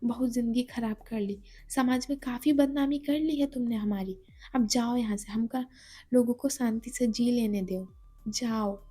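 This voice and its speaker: A woman's voice: fairly high pitch, moderate pace, warm tone, soft background music, pitched below the performer's own voice, lightly acted. A woman storyteller voicing a stern older aunt who scolds bluntly. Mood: scolding.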